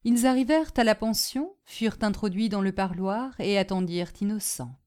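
A woman narrating a storybook in a steady, expressive reading voice. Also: mid-range voice, moderate pace.

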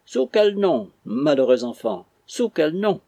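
A frantic middle-aged wife cries out and begs, as a man puts her on in a high, shrill pitch. His husky timbre shows through the dry, close reading. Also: sing-song, a little slow, dark tone, dry recording, full character voice. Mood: shrieking. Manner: shrill, pleading.

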